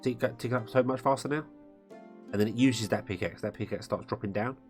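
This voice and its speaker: Brief: male game streamer thinking aloud as he plays, music clearly audible behind. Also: medium pitch, quick pace, a little mellow. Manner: rambling, thinking aloud with fillers. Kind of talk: live gameplay commentary. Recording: music playing under the voice. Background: guitar music.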